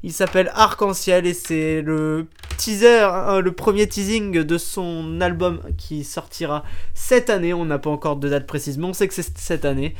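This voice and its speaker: A young man hosting a casual radio show, excited and chatty, with plenty of hesitations as he talks to listeners. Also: high-pitched, moderate pace, few pauses, clean tone. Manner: energetic and chatty, with frequent fillers. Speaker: radio host.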